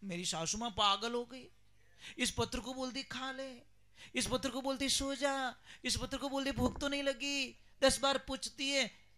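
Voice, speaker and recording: A mocking, dismissive young daughter-in-law, as a preacher puts her on. The voice is very high and bright, and she is scornful and irritated. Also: fairly even intonation, a little slow, exaggerated voice.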